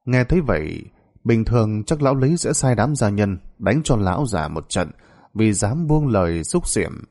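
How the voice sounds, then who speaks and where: A man narrating a dark folk tale in a dramatic, expressive storytelling style. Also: on the low side, moderate pace.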